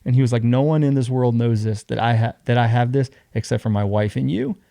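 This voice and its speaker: A young man telling a story casually as a podcast guest, acting out other people's lines in an animated way. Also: medium pitch, a little fast, creaky, no echo, clean studio sound.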